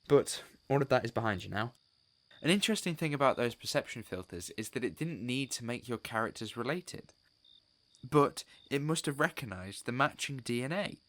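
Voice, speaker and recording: A man's voice: mid-range voice, lively intonation, a bit bright, no room sound, natural voice. A man playing the Doctor, an eccentric male alien time traveller, in a fan audio drama, alternately urgent, pleading and wistful. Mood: explaining. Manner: quick, wistful explanations. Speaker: audio drama writer and actor.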